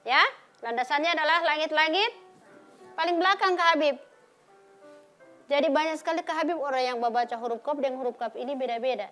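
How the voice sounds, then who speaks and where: A woman teaching Quran letter pronunciation, slowly repeating example sounds. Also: sits high, fairly bright tone, faint music behind. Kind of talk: televised religious lesson.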